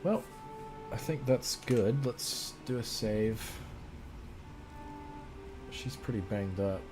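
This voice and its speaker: A man's voice: fairly low pitch, takes it slowly, over music. A man casually commentating his gameplay, thinking aloud and muttering his plans as he goes. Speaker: gamer.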